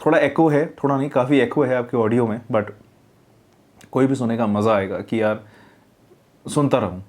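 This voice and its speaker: A man's voice: mid-range voice, moderate pace, a little mellow. Man coaching voiceover step by step. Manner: explains step by step, demonstrates readings. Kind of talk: reviewing and coaching.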